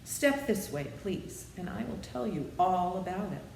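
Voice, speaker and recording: A woman's voice: mid-range voice, animated, a little slow, vocal fry, darkish tone, echoey room, big-room sound, slight background noise, pitched above the performer's own voice, low-quality recording. A woman voicing a meek little humbug wizard, a trembling, apologetic man in a storybook reading. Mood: confiding. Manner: meek, pleading.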